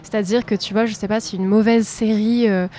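A woman's voice: mid-range voice, steady tone, a little fast, dark tone, slight background noise. A young woman from south-east France, a singer-songwriter, answering interview questions in a conversational way.

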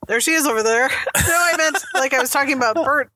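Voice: high voice, brisk, bright, forceful tone, slight background noise. A tired podcast co-host chatting casually from inside a car, rambling and correcting themselves. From Minnesota. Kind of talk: casual chat.

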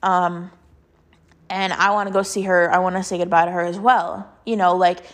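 In a stuffy, congested voice that sits lowish and stays level, a late-teen podcast host confides in listeners through a casual personal monologue full of fillers and hesitations.

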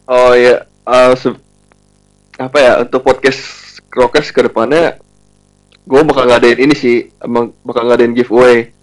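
A man's voice: medium pitch, flat delivery, unhurried, long pauses, poor audio. A man with an Indonesian accent chatting informally and jokingly as a podcaster guesting on a live stream. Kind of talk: casual banter and chat.

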